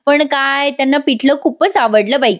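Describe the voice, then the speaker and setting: A teasing, sharp-tongued young wife, put on by a woman narrator. She talks back with quick, sassy retorts. Her voice sits fairly high. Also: lightly acted.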